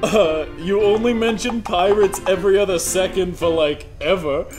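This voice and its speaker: A man's voice: high-pitched, moderate pace, a little mellow, natural voice. A man voicing a goofy, good-natured boyish alien puppet in a children's show, laid-back and full of childlike wonder. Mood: amused. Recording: music behind the voice.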